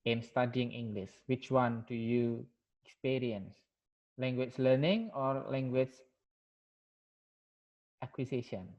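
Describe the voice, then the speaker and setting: A male university lecturer with an Indonesian accent reviews the course during an online class. His mid-range voice is halting and full of fillers, repeating "yeah" often, and the sound is lo-fi.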